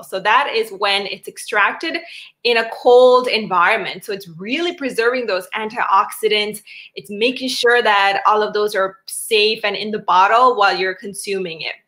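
A woman's voice: medium pitch, fairly bright tone. A woman from Sri Lanka giving a chatty health presentation on a video call, with many fillers and restarts. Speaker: wellness doctor presenting a webinar.

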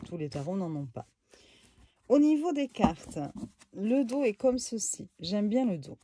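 A woman casually reviewing a tarot deck for her viewers in a room at home, relaxed and chatty, with lots of fillers and small asides. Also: medium pitch, unhurried, breathy edge.

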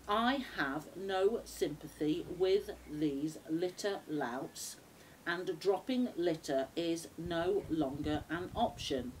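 A woman with a fairly low voice reads a dictation passage from a script. She goes slowly and deliberately, phrase by phrase with pauses. It is recorded outdoors on a patio, with clear background noise. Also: low-quality recording. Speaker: shorthand dictation reader. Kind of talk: measured shorthand dictation read from a script. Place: small outdoor backyard patio. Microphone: camera a few metres away.

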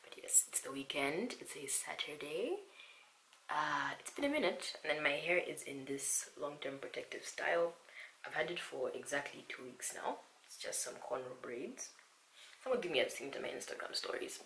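A young woman with a hoarse, bright voice chats casually to her viewers, sometimes dropping to a near whisper. She is recorded in an echoey room at home with faint hiss behind her. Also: deep voice, sing-song, normal speed. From Zambia. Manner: half-whispering, soft and hushed at times. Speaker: vlogger. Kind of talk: casual chat. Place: small quiet room at home.

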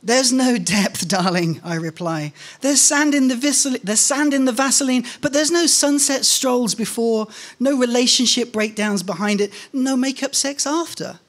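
At a live reading event, a middle-aged man stands on an indoor stage and reads a scripted first-person story into a close stand microphone. His voice is very high-pitched and fairly bright, and he speaks at normal speed.

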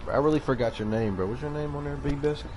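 A man talking through a voice changer that makes his voice sound deep and disguised, chatting casually and crudely while streaming a game with friends. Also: quick pace, noisy background. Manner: crude, joking, laid-back slang. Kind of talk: casual joking gameplay chat.

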